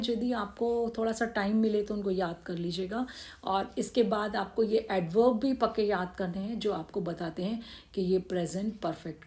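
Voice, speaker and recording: A woman's voice: mid-range voice, mellow. A woman with an Indian accent teaching an English grammar lesson, explaining rules step by step and answering her own questions.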